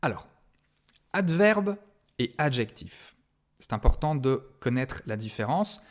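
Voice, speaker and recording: A male university lecturer giving a recorded grammar lesson, patient and explanatory, often hesitating with fillers and slowing down to stress key words. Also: medium pitch, very animated.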